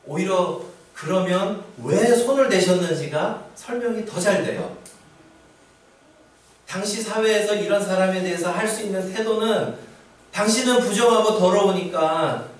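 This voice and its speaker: A male pastor delivers a conversational sermon and keeps turning to his listeners with questions. His fairly high voice reaches the mic from a distance. A big wash of church-hall echo surrounds it over a faint background hiss. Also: measured pace. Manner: conversational preaching with rhetorical questions. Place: church sanctuary. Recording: very echoey church hall from far off.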